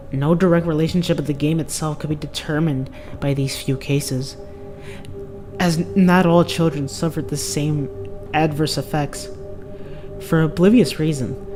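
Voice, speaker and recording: A person narrating a scripted horror story, reading aloud and now and then stumbling over words. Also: medium pitch. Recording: music behind the voice. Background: music.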